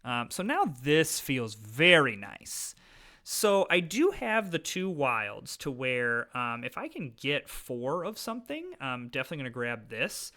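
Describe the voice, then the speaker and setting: This Midwestern American man in his thirties, a gaming YouTuber, chats through an online board game in a rambling, self-deprecating let's-play full of fillers. His medium-pitched voice sounds pushed and bright, very animated yet unhurried.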